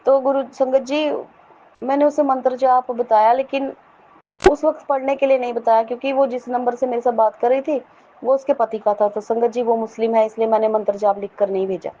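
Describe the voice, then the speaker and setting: A middle-aged woman from Jammu earnestly telling a devotional testimony, often pausing to address her listeners respectfully. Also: a little high, flat delivery, warm tone. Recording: dull lo-fi recording with faint noise.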